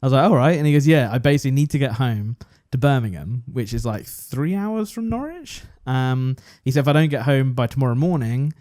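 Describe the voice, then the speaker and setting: A man's voice: medium pitch, fast talker, few pauses, darkish tone, no room sound, studio quality. A young English man casually telling a story on a podcast and acting out both sides of the conversation. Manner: chatty, self-deprecating, acts out both sides of a conversation. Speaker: podcast co-host.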